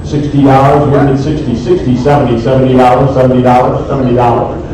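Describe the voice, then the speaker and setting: A male auctioneer chanting bids in a rapid, repetitive, rhythmic sing-song patter of numbers. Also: medium pitch, little pitch movement, background noise. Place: indoor auction room. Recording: distant mic in a very echoey room.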